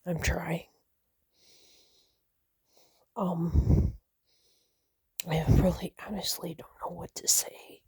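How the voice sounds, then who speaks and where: A woman whispering a personal vlog, nervous and shaky, halting with many fillers and restarts. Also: on the low side, steady tone, dark tone, husky, no room sound, studio quality. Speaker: vlogger.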